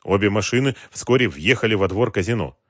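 A man narrating a thriller audiobook in an expressive, dramatic way. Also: fairly low pitch, brisk, no room sound, studio quality.

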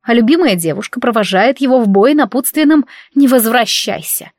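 A woman reading a first-person romance audiobook in an emotive, measured way. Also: fairly high pitch, expressive, darkish tone, dry recording, clean studio sound. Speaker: audiobook narrator.

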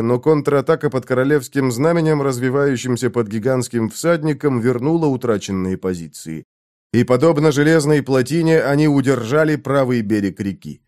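A man narrating an epic adventure audiobook in a low, weighty storytelling manner. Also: darkish tone.

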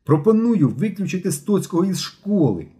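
A man voicing a hot-headed loud schoolboy. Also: a little high, normal speed, pitched above the performer's own voice. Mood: indignant. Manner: excited, shouting.

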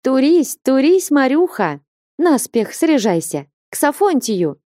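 A woman reading an audiobook voices a lively, teasing young novice girl in a higher, sing-song voice. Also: normal speed, no room sound, clean studio sound, lightly acted.

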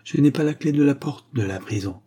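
A young prison sentry, read by a male narrator in a story reading, dutiful as he reports. The voice is dark and husky. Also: mid-range voice, lively intonation, fairly quick, voice pushed up.

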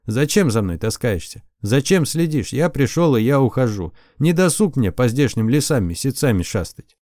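A man reading an audiobook, voicing a blunt, distrustful young warrior with a gruff, sarcastic manner. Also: medium pitch, very animated, moderate pace, mellow, no room sound, clean studio sound, close to an everyday voice. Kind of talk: audiobook character voice.

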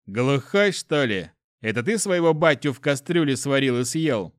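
A man voicing an insolent young male prisoner who taunts his jailer in a slow drawl. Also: medium pitch, animated, no room sound, studio quality, lightly acted. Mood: mocking.

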